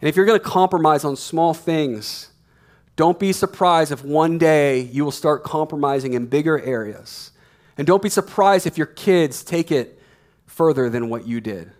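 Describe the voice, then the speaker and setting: A man in his thirties preaching a sermon on a church stage, emphatic and repeating his key lines, on a headset mic. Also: a little high. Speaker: pastor.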